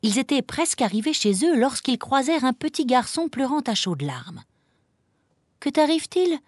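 A woman narrating a children's Christmas story aloud in an expressive, lively storybook reading. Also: high voice, moderate pace, no echo. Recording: dry close recording.

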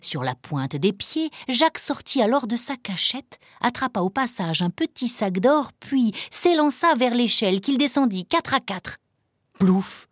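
A woman reading a fairy tale aloud with an expressive storytelling manner. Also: on the high side, unhurried, no echo, clean studio sound.

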